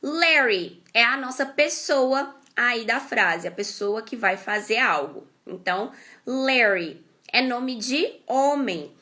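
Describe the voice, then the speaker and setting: A woman teaches an English grammar lesson online, walking through each step and checking in with short questions. Her voice sits a little high and bright, and she speaks slowly, carefully spelling out the English example sentences. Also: lively intonation.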